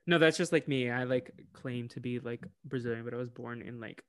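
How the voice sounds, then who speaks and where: An American podcast co-host recaps an episode in casual chat, animatedly acting out the characters' lines. His mid-range voice is fairly quick, clear and resonant. The recording is dry, with clean studio sound.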